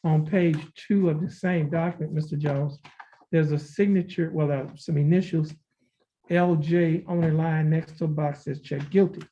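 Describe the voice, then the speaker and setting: A male judge speaks in a courtroom recording, moving through a plea hearing in a measured, formal, almost monotone delivery. His voice is mellow and slightly higher than most men's. The audio comes through dull and lo-fi over a video call, with a faint hiss underneath. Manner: measured, formal, reading documents aloud. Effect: courtroom recording heard over a video call.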